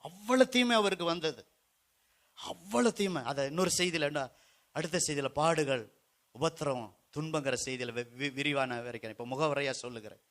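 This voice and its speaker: A male pastor with a Tamil Nadu accent preaches in a church. His voice sits high and sounds bright and forceful. He shifts from soft, low passages to loud, lifted exhortations. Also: normal speed. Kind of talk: sermon.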